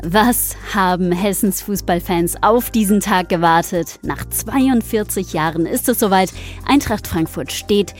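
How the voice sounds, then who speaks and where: A woman's voice: mid-range voice, unhurried, few pauses, soft background music. A woman hosting a radio news magazine, reading scripted presentation in a studio. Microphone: close studio microphone.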